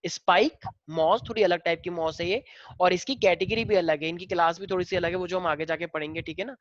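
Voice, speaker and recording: A man's voice: high voice, fairly even intonation, fast talker, no echo. Man, biology teacher, chatty lecture, quizzes students, dry, muffled sound. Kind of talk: classroom lecture. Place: classroom.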